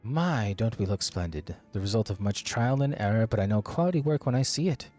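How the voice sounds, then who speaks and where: A man's voice: lowish voice, expressive, fairly quick, darkish tone, faint music behind, natural voice. A man voicing a small, self-satisfied rabbit-like artisan from a game in a theatrical, self-congratulating way. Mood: proud. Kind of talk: character voice reading game dialogue.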